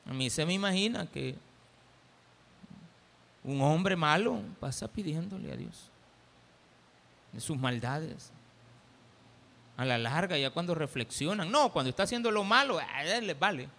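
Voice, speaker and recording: A man with a Salvadoran accent preaching a sermon as pastor, animated and acting out the voices he quotes. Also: fairly high pitch, a little slow, vocal fry, long pauses, in a large hall. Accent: Salvadoran Spanish.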